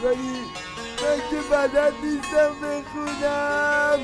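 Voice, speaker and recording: Film cow, sweet and clumsy, whiny and self-pitying, very high, film score behind. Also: male voice, completely flat delivery. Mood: miserable. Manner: whiny, silly wordplay. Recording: film soundtrack music behind.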